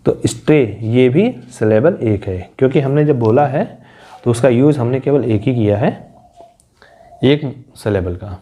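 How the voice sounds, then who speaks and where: Man, teacher, mellow warm voice, step-by-step classroom explanation, asks and answers own questions. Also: medium pitch, measured pace. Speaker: English teacher. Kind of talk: classroom lesson explaining syllable patterns.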